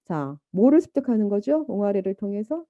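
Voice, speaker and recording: A woman giving a lecture, lively and animated, now and then imitating baby babble and a mother's talk. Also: medium pitch, fairly quick, no room sound, phone-quality sound. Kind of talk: university lecture.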